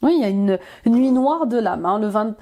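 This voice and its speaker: A woman's voice: a little high, animated, a little fast, dark tone. A woman giving an earnest, casual tarot reading straight to her viewers, with many fillers and restarts. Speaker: intuitive life coach, tarot reader.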